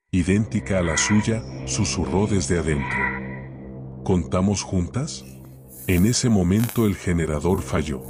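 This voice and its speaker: Man, deep low voice, horror story narration, measured and somber. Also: background noise.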